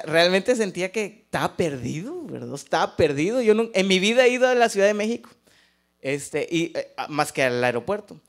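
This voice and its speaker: Animated preacher telling a story. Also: male voice, high voice. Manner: animated storytelling, frequent rhetorical questions. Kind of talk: sermon with personal story.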